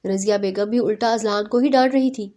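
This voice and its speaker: A woman narrating a romance novel in a steady storytelling manner. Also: mid-range voice.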